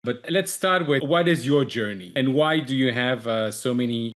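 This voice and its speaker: A man's voice: medium pitch, normal speed. A man hosting a business podcast, asking curious questions and reacting briefly over a video call. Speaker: podcast host.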